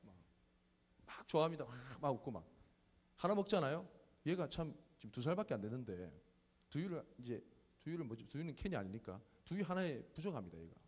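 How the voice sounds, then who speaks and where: Man, thirties, pastor, sermon, animated pitch, long church-hall echo. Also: quick pace, slightly rough. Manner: conversational, explains with questions and family stories.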